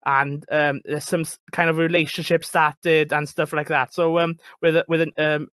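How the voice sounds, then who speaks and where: A man's voice: a little high, little pitch movement, normal speed, fairly bright tone, clean tone, no room sound. A Welsh man, a librarian, chatting about books in a rambling, hesitant way, often repeating words. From Wales. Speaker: librarian, guest. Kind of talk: casual book chat.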